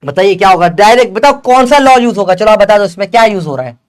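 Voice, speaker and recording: A young man, teaching a live online physics class and teasing and coaxing students to answer fast. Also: high-pitched, animated.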